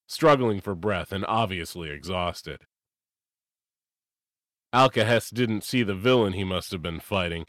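A man narrating a story expressively, lifting his pitch for emphasis. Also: a bit bright, no echo, clean studio sound.

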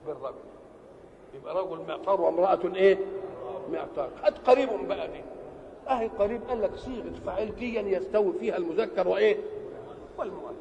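Older man, Egyptian accent, religious lesson, rhetorical questions, gravelly voice, faint background hiss. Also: lively intonation, fast talker, pauses often. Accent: Egyptian Arabic. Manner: asks rhetorical questions and answers them himself; uneven loudness, often dropping low. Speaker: religious scholar. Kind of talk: Quranic exegesis lesson. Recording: old lo-fi hall recording with echo.

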